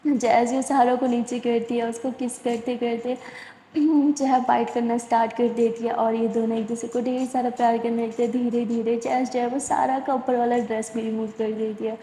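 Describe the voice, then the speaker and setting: A woman's voice: on the high side, flat delivery, normal speed, mellow, slight background noise. A woman casually retelling a love story in a chatty, informal way. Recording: echoey room with long reverb.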